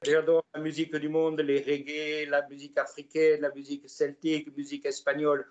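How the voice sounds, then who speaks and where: Older guy w/ gascon french accent, bit high-pitched, rambly interview talk, lots of ums and restarts. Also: monotone, brisk, muffled recording. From Gascony, France. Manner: rambling, many hesitations and restarts. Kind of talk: casual storytelling interview.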